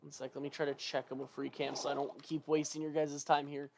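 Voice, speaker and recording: A person giving casual let's-play commentary, rambling and thinking out loud in a fretful, chatty way. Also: mid-range voice, level tone, a little fast, creaky, slight background noise. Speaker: gameplay commentator.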